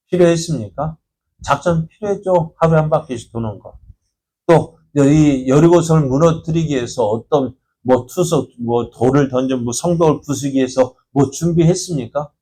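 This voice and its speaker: A man preaching a midweek sermon in a church, putting questions to the congregation and answering them himself. He grows lively when retelling the story and drops quiet on the answers. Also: medium pitch, breathy edge. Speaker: pastor.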